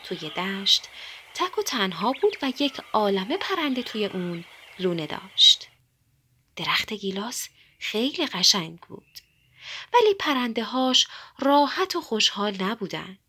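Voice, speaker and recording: A woman narrating a children's story in a gentle, expressive way. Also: on the high side, slightly rough.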